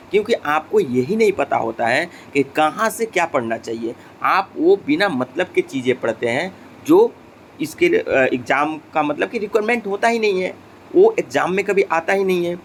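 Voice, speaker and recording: A man hosting an educational channel, giving exam guidance to students in a mix of Hindi and English. He talks straight to his viewers and fills pauses with "okay". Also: fairly high pitch, a little hiss or hum. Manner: mixes Hindi and English, addresses viewers directly; frequent fillers and checks like okay.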